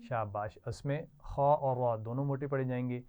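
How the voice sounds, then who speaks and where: A woman's voice: rumbling low, fairly even intonation. A woman as a patient recitation teacher, phone-like sound. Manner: patient, stretches each word slowly when modelling it. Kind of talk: slow call-and-response recitation lesson. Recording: tinny lo-fi online class audio.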